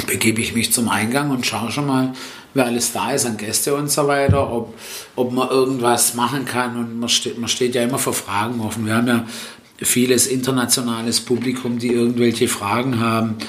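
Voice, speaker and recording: A middle-aged Italian-speaking man, a festival-tent jester and stage host, answers interview questions in a brisk, steady, mid-range voice. He rambles, fills gaps, corrects himself, and tags lines with "ne?". The room echoes, with faint noise behind him.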